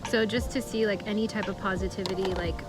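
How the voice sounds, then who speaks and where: A woman's voice: mid-range voice, steady tone, fast. A woman co-hosting a vlog, chatting casually in informal, conversational phrasing. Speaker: vlog co-host. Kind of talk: casual couple vlog chat. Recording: background music behind speech.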